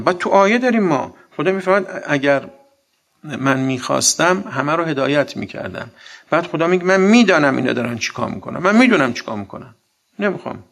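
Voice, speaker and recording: A man giving a sermon, arguing with many rhetorical questions and reciting Quranic verses, swinging between loud outbursts and quiet asides. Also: fairly high pitch, vocal fry. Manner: argumentative, full of rhetorical questions. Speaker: religious speaker.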